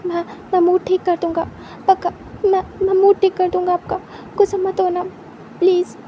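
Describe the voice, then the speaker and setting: A woman's voice: extremely high pitch, completely flat delivery, moderate pace, lo-fi sound, a little hiss or hum. A woman voicing a young man in a spoken story, an anxious lover who pleads and stammers. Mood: pleading.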